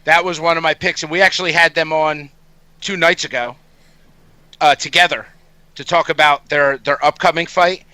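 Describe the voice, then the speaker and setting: A man's voice: a little high, fairly even intonation, moderate pace, sharp tone, clean tone, no echo. A man hosting an interview show, chatting casually and enthusiastically about sports.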